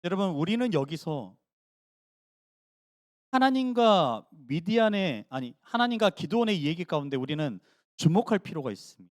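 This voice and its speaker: A man's voice: fairly high pitch, moderate pace, no echo, clean studio sound. A man preaching a sermon as pastor, asking the congregation questions and acting out the voices of biblical figures. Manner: animated preacher acting out voices of Gideon and God. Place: church sanctuary.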